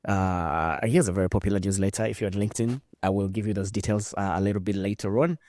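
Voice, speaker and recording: Deep-voiced male podcast host. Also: quick pace. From Rwanda. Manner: lively, emphatic, with frequent fillers. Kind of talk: conversational interview.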